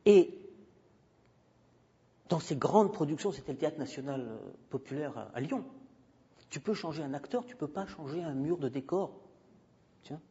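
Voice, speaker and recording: A man's voice: on the high side, lively intonation, moderate pace, pauses often, warm tone, breathy edge. A man giving a university lecture into a handheld microphone, emphatic and digressive, talking freely with the audience. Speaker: guest lecturer. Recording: dull lo-fi recording with long hall reverb.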